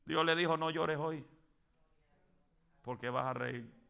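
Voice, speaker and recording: A man preaching a fervent Pentecostal sermon, building to shouts and dropping in English phrases. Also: a little high, fairly even intonation, slow pace, creaky, smooth.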